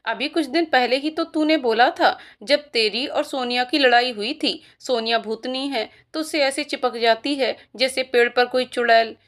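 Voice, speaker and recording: A woman's voice: high voice, normal speed, few pauses, fairly bright tone. A woman voicing a teasing young college guy who mocks the girls, in a storybook reading.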